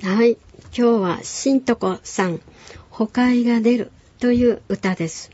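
A woman teaching language on a radio lesson, calmly explaining and modelling words for a learner to repeat. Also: a little high, measured pace, lo-fi sound.

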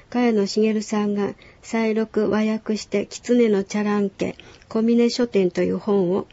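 A woman teaching a radio language lesson, calmly explaining words and stories. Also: medium pitch, dry recording, lo-fi sound. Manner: calm explanatory lecturing. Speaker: language instructor.

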